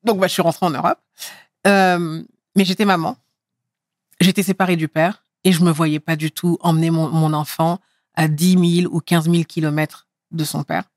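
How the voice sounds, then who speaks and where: A middle-aged actress from France speaking in a relaxed interview, lively and emphatic as she tells her story. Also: fairly low pitch, normal speed, dry recording, studio quality. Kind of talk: casual interview talk.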